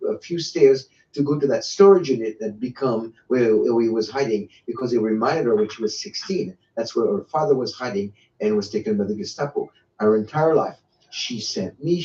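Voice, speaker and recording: Through an echoey, distant, dull lo-fi recording comes the voice of a Frenchman in his sixties, a guest offering personal testimony in an interview. His medium-pitched voice has a dark tone and a French accent, and his speech falters with many repeated words and restarts.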